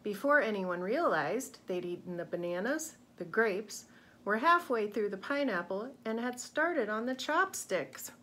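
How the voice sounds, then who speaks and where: A woman reading a children's picture book aloud, expressive and pausing to ask young listeners questions. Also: medium pitch. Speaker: read-aloud narrator.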